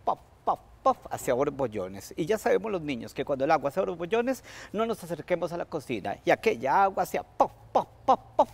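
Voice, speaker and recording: A man's voice: fairly high pitch, very animated, fast talker, gravelly, hardly any pauses. A middle-aged Costa Rican man telling a folk tale to children, dramatic and full of sound effects. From Costa Rica. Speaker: children's author, guest storyteller.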